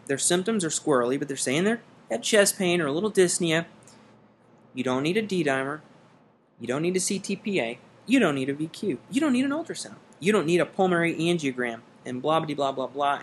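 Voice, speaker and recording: A man's voice: on the high side, a little hiss or hum. An American man co-hosting an emergency medicine podcast, talking in a wry, conversational way with folksy turns of phrase. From United States. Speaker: emergency physician podcast co-host. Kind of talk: casual medical discussion.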